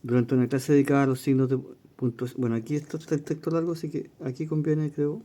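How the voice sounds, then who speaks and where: Reading questions out loud and explaining them, this man runs an exam-prep lesson and regularly throws in a quick question to check understanding. His voice is on the high side and mellow, and his delivery is flat.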